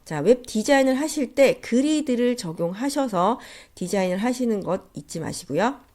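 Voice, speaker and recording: Female lecturer, congested and nasal from a head cold, animated pitch movement, courteous step-by-step teaching delivery. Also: normal speed. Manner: polite, explanatory. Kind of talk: instructional slide lecture.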